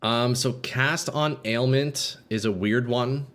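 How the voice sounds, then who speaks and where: A man's voice: medium pitch, takes it slowly, fairly bright tone. A young man live streaming a video game, chatting casually with his viewers in a slangy, sweary frat-bro manner.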